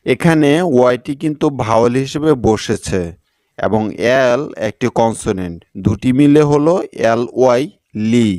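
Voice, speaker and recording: A man teaching an English spelling lesson, slowly spelling out words letter by letter and syllable by syllable, speaking patiently to his viewers. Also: mid-range voice, darkish tone, dry recording, studio quality. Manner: addresses viewers directly and patiently.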